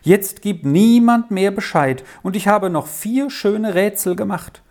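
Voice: mid-range voice, unhurried, pitched above the performer's own voice, natural voice. A reader putting on an eager schoolboy in a storybook. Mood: scolding. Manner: lively, exclaiming. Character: eager young boy puzzling over riddles.

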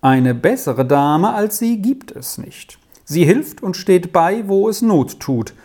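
A reader voicing a composed farmer's wife who speaks calmly and unhurriedly. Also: medium pitch, pitched above the performer's own voice, heavily acted. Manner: calm and unhurried.

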